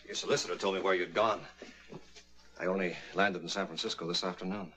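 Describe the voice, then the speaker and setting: An actor playing a plain-spoken, concerned rancher with a steady, polite manner in a vintage American TV suspense drama. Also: male voice, sits low, fairly quick. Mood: concerned, matter-of-fact. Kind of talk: mid-century American TV suspense drama acting.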